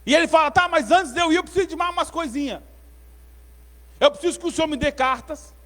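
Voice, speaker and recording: A man voicing an eager humble male servant, pleading and listing requests quickly. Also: very high voice, fairly bright tone, voice pushed up. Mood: earnest.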